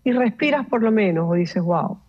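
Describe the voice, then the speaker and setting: A woman, a meditation coach explaining calmly and instructively, mixing in English words. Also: medium pitch, moderate pace, dull audio. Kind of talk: explanatory interview talk.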